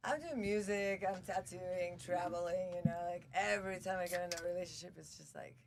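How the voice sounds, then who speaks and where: A woman's voice: fairly low pitch, fairly quick. A woman in her thirties chatting candidly and in a laid-back way on a podcast. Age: 30s. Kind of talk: casual chat. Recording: noisy background.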